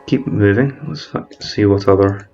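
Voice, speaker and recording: A let's-player with a lowish, slightly mellow voice and some vocal fry talks at a moderate pace through a strategy game, explaining methodically, thinking aloud and self-correcting mid-word. The sound is lo-fi, with faint music behind him.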